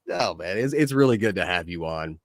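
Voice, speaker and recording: Deep-voiced joking podcast host. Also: male voice, expressive, brisk, dry recording. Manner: joking, teasing banter. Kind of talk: casual podcast chat.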